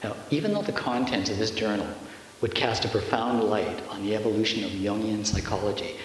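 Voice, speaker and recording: A man giving a measured, explanatory lecture-style narration. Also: fairly low pitch. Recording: echoey hall with faint hiss.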